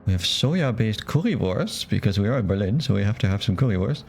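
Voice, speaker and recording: A man's voice: lowish voice, lively intonation, brisk, creaky, a little mellow, faint music behind. A man doing a blunt street food vendor woman. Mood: brusque.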